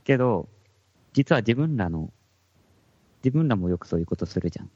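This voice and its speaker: A man with a Hakata accent chats casually on a podcast, his low voice swinging up and down in lively bursts. He jokes and laughs often. The recording is dry and dull, like cheap lo-fi gear. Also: moderate pace, breathy edge, no echo. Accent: Hakata dialect. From Fukuoka. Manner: animated and joking, laughs often. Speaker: podcast co-host. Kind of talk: casual chat among musicians.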